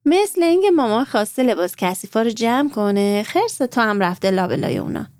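A woman's voice: a little high, sing-song, darkish tone, no room sound, clean studio sound. A woman voicing a father who lightly teases his young daughter in a children's story. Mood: teasing. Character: teasing father of a young girl.

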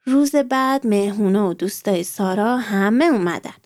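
A woman's voice: mid-range voice, animated, no echo, studio quality. Woman telling a story to children. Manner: warm, addresses children directly with questions.

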